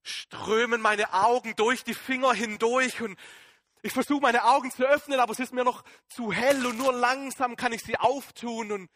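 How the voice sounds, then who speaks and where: A man acting out a fervent apostle in a dramatic sermon monologue. The voice sits high and bright, in a dry, close sound. He talks in halting bursts of excitement that fall into hushed awe. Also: no echo. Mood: awed, fervent. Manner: emotional and halting, swinging between excited outbursts and hushed awe. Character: Apostle Paul as a man, shaken and fervent, recounting his conversion.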